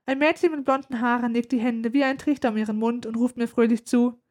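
A woman narrates a first-person story as an audiobook reader. Her voice sits a bit high, and she tells it in a calm, steady manner. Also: fairly quick.

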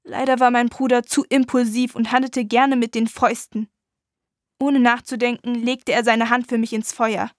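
High-voiced woman reading a dark story. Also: level tone, normal speed, no room sound, studio quality. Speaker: audiobook narrator. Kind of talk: first-person dramatic audiobook reading.

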